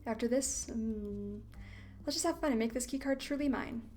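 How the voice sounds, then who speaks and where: A woman casually talking through a visual novel playthrough, softly muttering her choices. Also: fairly high pitch, moderate pace. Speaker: gamer playing a visual novel.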